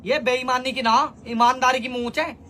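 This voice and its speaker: A man's voice: very high-pitched, steady tone, normal speed, sharp tone, a little hiss or hum. A man, acting in a comic sketch as a brash, haggling dealer. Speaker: comedy sketch actor.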